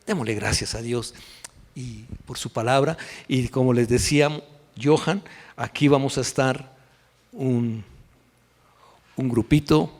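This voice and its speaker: A man preaching a sermon as pastor, telling a story in an animated, emotional way, recorded in a church hall. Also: medium pitch, measured pace, long pauses. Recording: echoey hall reverb.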